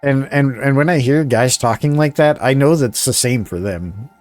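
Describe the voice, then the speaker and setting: Philly guy streaming, kinda mumbly and slow, rambles, mid pitch, faint music behind. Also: darkish tone, no room sound. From Philadelphia suburbs, USA. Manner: mumbles a little and speaks somewhat slowly, rambling with restarts. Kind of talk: casual chat on a live stream.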